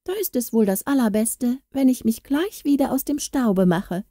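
A woman's voice: fairly high pitch, expressive, normal speed, mellow, no room sound, studio quality. Woman reading as a grumbling little dwarf man. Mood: teasing. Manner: grumbling, lecturing. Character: small proud grumbling male dwarf, kindly but touchy.

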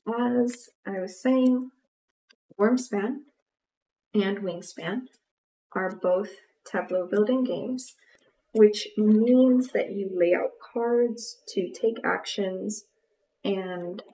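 A young American woman hosts a casual vlog from a library study room, her mid-range, dark-toned voice kept low for the setting but not whispered. A mask slightly muffles her, and a camera across the table picks up her voice from a distance.

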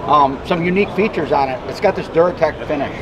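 On a busy indoor trade show floor, a company representative with a high-leaning voice talks fast while giving a casual product demo. He explains things plainly and agreeably over crowd noise.

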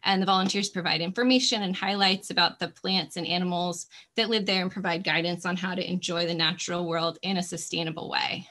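A woman's voice: lowish voice, fairly even intonation, a little fast, hardly any pauses, bright, forceful tone. A woman in her thirties giving a friendly, encouraging webinar presentation on a video call, with frequent ums. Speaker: nature volunteer coordinator.

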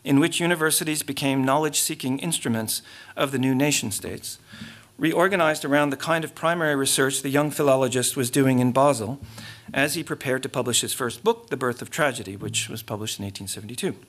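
Speaking into a lectern microphone on a big stage framed by curtains, this middle-aged man reads his academic keynote from notes. His voice is medium in pitch and a bit bright, and his delivery is measured, broken by frequent restarts and muttered asides.

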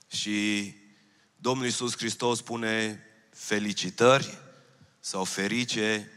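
This Romanian pastor in his thirties has a fairly low voice with a sharp, clean tone. He preaches from a church stage in a large hall, handheld mic in hand, earnestly repeating his key phrases. The recording has a long hall reverb.

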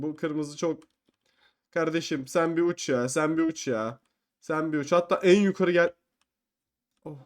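A man giving excited gameplay commentary, who yelps and cries out when things go wrong, then drops to low muttering and teases other players in slangy banter. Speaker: gamer playing an online game.

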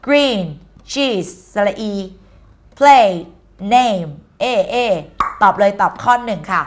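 Woman, Thai accent, fairly high voice, chatty playful teacher, exam-prep lesson. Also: animated, very slow. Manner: chatty, playful, switches between Thai and English words.

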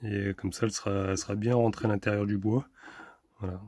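A fairly low, dark male voice with flat delivery talks fast, with no room sound. He's a young vanlife vlogger casually narrating a DIY build as he works, partly outdoors on a camper van roof, chatty and full of fillers and restarts.

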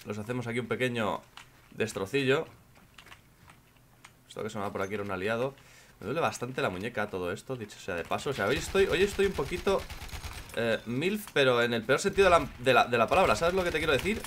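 A man from with a hoarse voice, commenting on his own gameplay in casual chat, joking and swearing a lot. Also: medium pitch, animated, fast talker, slight background noise. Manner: swears a lot and jokes, shouts when in danger.

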